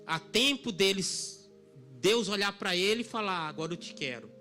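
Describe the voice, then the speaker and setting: A middle-aged man preaching a sermon at a church service, emphatic, dropping very soft for quoted lines. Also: high-pitched, expressive, normal speed, soft background music. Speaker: pastor.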